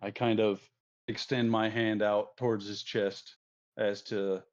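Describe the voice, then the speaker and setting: A man playing a tabletop game, speaking earnestly and deadpan. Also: fairly low pitch, unhurried, muffled recording. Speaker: player. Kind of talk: tabletop role-play.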